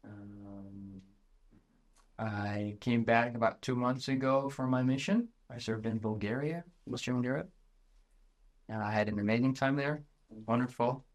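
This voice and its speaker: Shy young man from the Netherlands. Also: lowish voice. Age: 20s. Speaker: guest. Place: sitting room with other guests.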